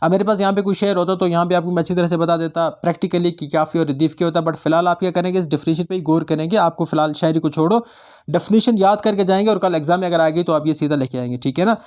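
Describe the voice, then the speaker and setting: A man's voice: fairly high pitch, steady tone, quick pace, darkish tone. A man teaching an exam-prep grammar lesson, often asking students check questions and repeating definitions for them to memorize. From Jammu and Kashmir. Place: online class channel.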